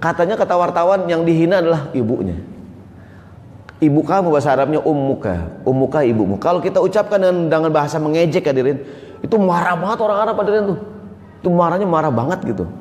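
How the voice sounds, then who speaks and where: A man preaching a sermon in a mosque, lively and joking, often asking the audience questions. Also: on the high side, fast. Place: large mosque hall. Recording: echoey mosque hall.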